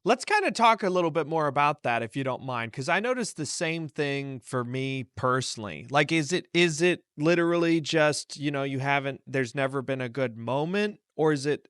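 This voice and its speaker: A man's voice: fairly high pitch, expressive, normal speed, hardly any pauses, fairly bright tone, clear, resonant tone, no room sound, studio quality. A man born in Turkey, hosting a podcast and asking loose, rambling questions. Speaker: podcast host. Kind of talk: casual interview conversation.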